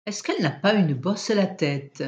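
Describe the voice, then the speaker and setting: A man's voice: high-pitched, expressive, normal speed, lo-fi sound. A reader voicing Alain, an anxious young husband fussing over his injured cat, speaking urgently and sharply.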